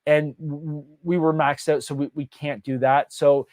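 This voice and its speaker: A man's voice: a little high, little pitch movement, moderate pace, darkish tone, dry recording, studio quality. A man hosting a casual live question-and-answer session as a conference organizer, talking loosely with many fillers and restarts.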